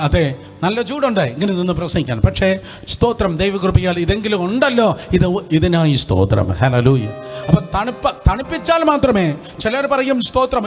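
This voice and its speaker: Animated high-voiced Malayalam preacher. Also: male voice. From India. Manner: repetitive call-and-response, leads congregation in repeating phrases; peppers speech with hallelujah and praise exclamations. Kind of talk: Bible study sermon. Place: hot room with lights and fans.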